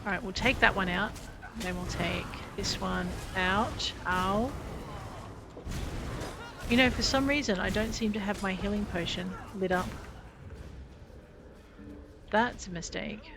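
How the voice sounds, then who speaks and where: This woman plays in character as a gaming video host, offering playful commentary to herself and her game companions with genteel charm and gentle exclamations. She speaks at a measured pace in a mid-range voice, with long pauses and background noise.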